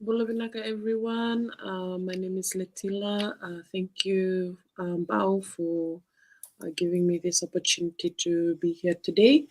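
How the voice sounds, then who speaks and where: Guest, woman from Fiji, low monotone voice, halting delivery. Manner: slow, halting. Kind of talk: casual online live chat.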